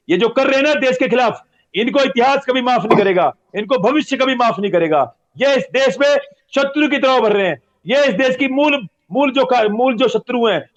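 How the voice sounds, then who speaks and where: A religious man answering an interviewer with heated, repetitive and accusatory talk. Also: very high-pitched. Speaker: religious guest. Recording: dull lo-fi audio.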